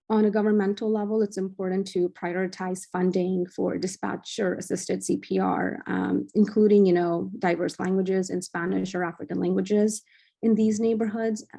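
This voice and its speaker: Gravelly-voiced woman presenting research. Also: medium pitch, mellow. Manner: measured, frequent "um" fillers. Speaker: cardiology fellow presenting at journal club. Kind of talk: academic presentation.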